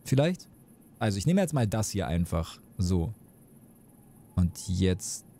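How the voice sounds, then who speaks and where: A man's voice: low voice, big pitch swings, slow pace, warm tone, a little hiss or hum. A man casually commenting as he plays a game live, chatty and wondering aloud. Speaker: streamer. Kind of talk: casual let's play commentary.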